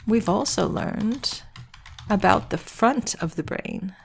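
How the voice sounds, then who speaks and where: Step by step, a woman teacher edits a text in a walkthrough lesson, asking herself questions out loud and answering them. She speaks slowly and animatedly at medium pitch with vocal fry, and there is slight background noise.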